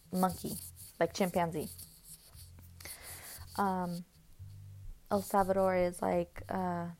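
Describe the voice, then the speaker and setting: A woman hosting a casual solo podcast, talking in a chatty, rambling way with many pauses and restarts. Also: mid-range voice, darkish tone. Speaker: podcast host.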